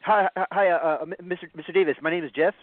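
A man's voice: high-pitched, dry recording. Man calling in stammering radio show caller on a tinny phone line. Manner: halting, stammering, many fillers. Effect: phone-line call-in audio.

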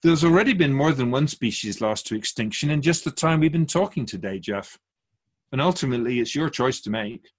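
Voiced by a man for a radio drama, the wise, otherworldly keeper of souls speaks with earnest gravity and lively intonation. Its middle-pitched, slightly husky delivery stays measured and formal, counseling humanity patiently through didactic rhetorical questions.

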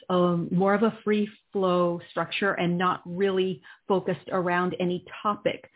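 A woman hosting a guided spiritual healing session, speaking in a calming, instructional way with pauses, in a husky voice. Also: on the low side. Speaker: host and healer. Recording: narrow, tinny phone-line audio.

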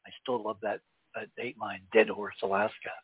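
A man hosting a talk radio show, speaking in measured, emphatic phrases. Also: on the low side, little pitch movement, husky, dry recording, phone-quality sound.

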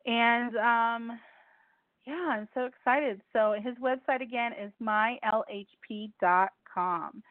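Fairly high-pitched and unhurried, a woman speaks over a tinny phone line with no room sound. A native Spanish speaker, she hosts a chatty call-in radio show, going over details again and stumbling on her words.

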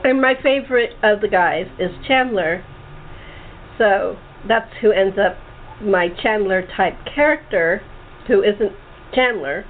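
A woman hosts a casual interview chat, chatty and jokey, describing herself as sarcastic; she's also a radio playwright. Her mid-range voice takes things slowly. The audio is noisy and tinny, like a phone line.

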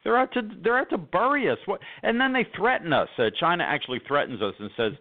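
A man's voice: high voice, animated, fast talker. A man with an emphatic, sarcastic manner and many fillers, talking politics as a guest on a call-in radio show over a phone line.

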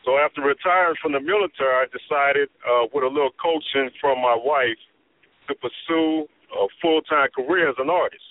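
A middle-aged man calling in on speakerphone as a guest artist, giving steady, encouraging advice. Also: medium pitch, normal speed. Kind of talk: phone-in interview. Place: in a vehicle on the road. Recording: tinny speakerphone line.

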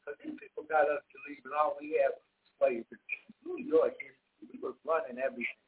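A man's voice: fairly high pitch, very animated, fast, slight background noise. A man calling in to a radio talk show over the phone, speaking emphatically and firing off rhetorical questions. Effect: heard over a phone line. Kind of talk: impassioned call-in commentary. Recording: tinny phone line on radio.

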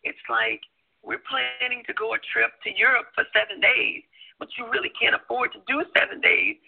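A man's voice: very high-pitched, fairly even intonation, normal speed, vocal fry. A man co-hosting a casual chat show, telling stories and acting out friends' lines, his voice giving out. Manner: acts out friends' quotes in storytelling. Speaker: co-host. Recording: tinny phone-line sound.

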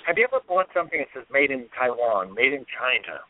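A man's voice: medium pitch, sing-song, fast talker. A man co-hosting a casual radio chat, talking in a chatty, storytelling way with plenty of fillers. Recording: phone-like call-in audio.

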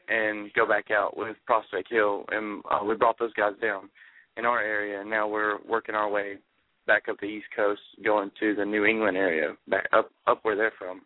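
A man's voice: fairly low pitch, no room sound. Southern hillbilly-accented man on a phone line. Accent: Southern US, Alabama hillbilly twang. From Alabama, United States. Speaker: interview guest, rock band lead singer. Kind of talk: casual phone interview chat. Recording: tinny phone line, radio show.

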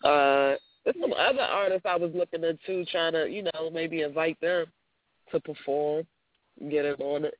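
A man's voice: fairly high pitch, moderate pace, dry recording. Sick man with muffled underwater call audio. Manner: slangy, laid-back, laughs often. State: sick and congested. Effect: muffled, underwater-sounding call audio. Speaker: call-in co-host and performer. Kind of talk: casual chat. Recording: tinny phone-like line.

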